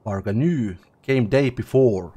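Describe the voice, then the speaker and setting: A man's voice: medium pitch, unhurried, slightly rough. A man voicing a big brutish male troll guard who talks in broken, simple phrases. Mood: gruff. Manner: broken simple speech, read aloud loudly.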